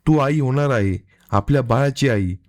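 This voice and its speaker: A man's voice: mid-range voice, moderate pace, darkish tone, lightly acted. A man voicing a stern, angry husband in a narrated crime story. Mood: grave. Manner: harsh, commanding.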